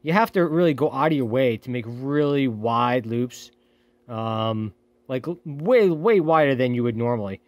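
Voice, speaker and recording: A man with a medium-pitched, lively voice chats at a moderate pace while welding in his home garage, captured in a dry recording. He's a hobby welder and channel host whose casual workshop talk is rambling and offhand, full of self-corrections.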